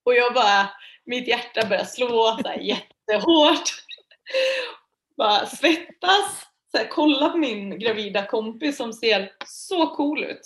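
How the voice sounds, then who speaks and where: Chatty high-voiced woman telling a story. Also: a little hiss or hum. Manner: lively, chatty, laughs often, many fillers. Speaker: guest. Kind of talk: casual storytelling.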